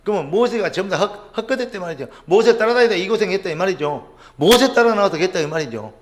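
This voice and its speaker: A middle-aged male pastor preaching a sermon, asking rhetorical questions and dropping suddenly to a low murmur. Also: animated, fast talker, noisy background.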